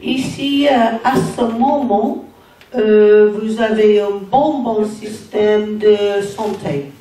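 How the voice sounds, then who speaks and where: An older retired woman with an English accent in French, a native English speaker, halting and searching for words as she speaks from the floor at a public meeting. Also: mid-range voice, steady tone, warm tone, soft background music. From England. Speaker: audience member and former teacher. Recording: roomy, distant pickup with faint noise.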